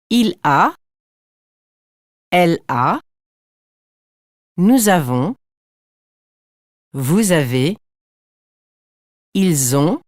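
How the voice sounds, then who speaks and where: Slow, lively-pitched woman reading grammar drills. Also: dry recording, clean studio sound. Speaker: textbook audio narrator.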